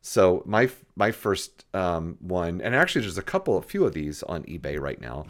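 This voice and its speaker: A man's voice: low-pitched, very animated, normal speed. A man co-hosting a podcast, chatting in an easygoing way about vintage computers. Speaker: podcast co-host.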